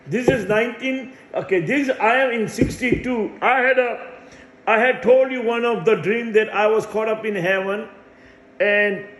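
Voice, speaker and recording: A man in his sixties preaching a rambling religious monologue in a high voice. He talks slowly and insistently, repeating phrases over and over for emphasis. The sound is echoey, as if he were in a bare room. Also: a bit bright. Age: 60s. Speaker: self-proclaimed messiah preaching.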